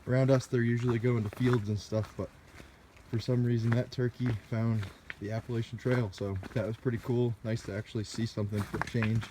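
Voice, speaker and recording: A man casually narrating a hiking vlog outdoors, talking in strong wind high on a mountain. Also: little pitch movement, fairly quick. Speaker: hiker filming a trail vlog. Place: outdoors on windy mountain trail and balds. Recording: muffled lo-fi camera audio, loud wind noise. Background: loud gusting wind.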